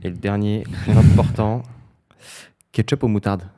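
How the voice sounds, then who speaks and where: A man hosting a podcast interview, asking questions in a relaxed, playful way. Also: lowish voice, measured pace. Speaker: podcast host.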